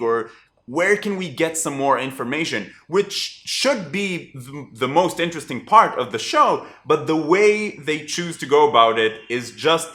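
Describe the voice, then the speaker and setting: Man, casual TV review vlog, wry, animated, bright tone, roomy echo. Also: a little high. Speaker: TV review vlogger.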